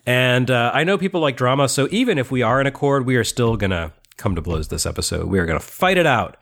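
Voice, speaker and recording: A man hosting a podcast over a remote call, rambling cheerfully and poking fun at himself. His voice sits at an ordinary middle pitch, and he breaks into laughs often. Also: lively intonation, fast, vocal fry, a bit bright. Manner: chatty, self-mocking, laughs often. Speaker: podcast host. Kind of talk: casual chat.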